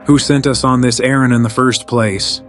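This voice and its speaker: A man's voice: medium pitch, steady tone, moderate pace, faint music behind, lightly acted. A man voicing an injured young man in a wheelchair, speaking feebly but cuttingly.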